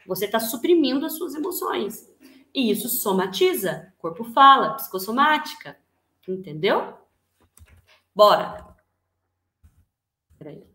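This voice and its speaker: Animated Brazilian woman lecturing class. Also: a little high, measured pace, long pauses. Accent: Brazilian Portuguese. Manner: animated, asks the class rhetorical questions. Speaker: teacher giving an online class. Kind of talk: lively spoken lecture. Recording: echoey room.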